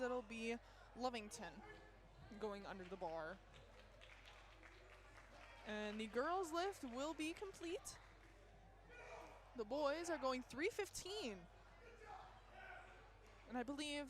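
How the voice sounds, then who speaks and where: With her voice still hoarse and strained from yelling the day before, a woman announces lifts live at a school powerlifting meet, hesitating and using fillers. Her pitch is fairly high.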